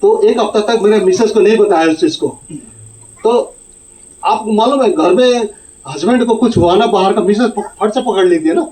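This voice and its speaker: A man's voice: sits high, normal speed, darkish tone, reverberant, far from the mic, rough recording. A man in his sixties telling a rambling testimony at a church meeting, with many repeated tag questions. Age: 60s. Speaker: church elder giving testimony. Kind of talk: testimony sermon with storytelling.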